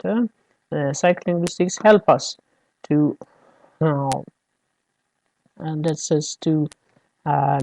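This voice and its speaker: A university lecturer whose first language is Persian gives a classroom lecture in a slow, gravelly, warm, mid-range voice on a low-quality recording. He is hesitant, uses many fillers, and keeps checking with students by asking "all right?"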